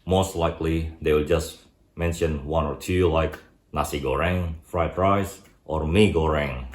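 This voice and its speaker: A man's voice: extremely low pitch, steady tone, measured pace. A man from Indonesia with an Indonesian accent, hosting a scripted advice video and speaking directly to viewers. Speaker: YouTube host. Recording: roomy indoor echo.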